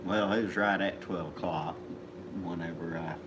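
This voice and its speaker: Man, very deep, unhurried, apologetic co-host, noisy background. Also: steady tone. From Kentucky, USA. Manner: slow, apologetic, mumbling. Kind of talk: casual livestream chat.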